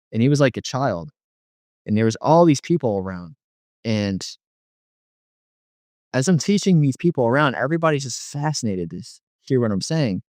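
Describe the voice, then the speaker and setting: A young man, a guest telling a near-death testimony, recounts his story casually, rambling and leaning heavily on fillers like "like." His medium-pitched voice is a little mellow, and the sound is clean studio audio with no room sound.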